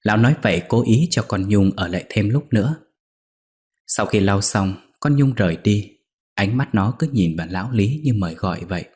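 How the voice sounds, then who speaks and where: A man reading a ghost story aloud in a steady, measured way. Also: fairly low pitch.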